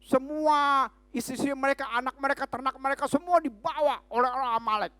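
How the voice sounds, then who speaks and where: A woman preaching a sermon with an Indonesian accent. Her voice sits high, and she swings from emphatic shouts to hushed, drawn-out lines. The sound is dry and close to the mic. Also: dry recording.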